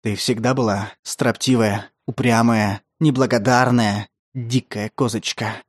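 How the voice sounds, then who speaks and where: A man voicing a lecherous, menacing older stepfather who talks in a wheedling, breathy way. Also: mid-range voice, steady tone, a little slow, no echo, voice pushed down. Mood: leering. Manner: wheedling, breathy, then snarling.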